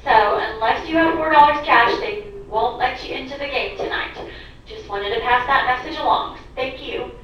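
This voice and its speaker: A woman making a brisk, matter-of-fact announcement over a school intercom loudspeaker, heard in a classroom. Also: high voice, muffled recording. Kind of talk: public address announcement. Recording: echoey, distant, faint noise.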